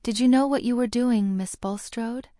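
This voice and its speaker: A woman's voice: mid-range voice, normal speed, dark tone, no echo, clean studio sound, natural voice. A woman doing Draco, a bored sneering schoolboy. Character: haughty young aristocratic schoolboy, coolly sneering. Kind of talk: audiobook character reading.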